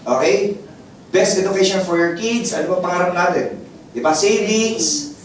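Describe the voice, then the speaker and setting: A man's voice: high voice, lively intonation, normal speed, slight background noise. A man giving a motivational business presentation to a live crowd, joking often and asking the audience to agree. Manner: call-and-response, keeps asking the crowd to agree; laughs often, jokey. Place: event hall with audience. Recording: very echoey hall, far mic, audience.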